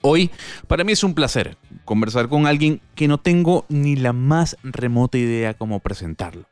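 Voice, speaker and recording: A man's voice: mid-range voice, animated, moderate pace, clean tone, no room sound, faint music behind. A man hosting a podcast interview from a record shop, talking in a conversational way.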